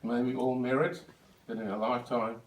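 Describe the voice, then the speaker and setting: A man's voice: medium pitch, flat delivery, brisk. Older man, rambling speech with asides, recorded from a distance in a roomy hall. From Australia. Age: 70s. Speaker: birthday speaker. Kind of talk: speech at a birthday lunch. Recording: echoey room, voice from far off.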